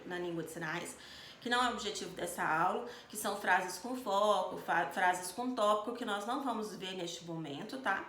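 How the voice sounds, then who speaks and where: This is a woman with a Brazilian Portuguese accent giving a video lesson. Her voice is bright and slightly high. She explains patiently and keeps checking that the class follows. The sound carries a roomy echo and a faint hum of background ambience. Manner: explanatory, frequent "né?" and "tá?" checks, acts out example sentences. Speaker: sign language teacher.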